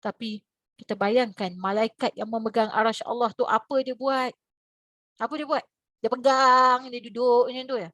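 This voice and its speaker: Woman religious teacher with a Malaysian Malay accent, animated and questioning, dry close mic. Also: normal speed, dry recording. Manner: animated, rhetorical questions, sudden high exclamations. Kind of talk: lively religious lecture. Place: lecture hall.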